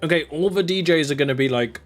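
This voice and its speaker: Quick and chatty, a young man with a southern English accent talks over soft background music as he streams a game. He comes from England, and his casual, rambling commentary is marked by sudden pitch jumps.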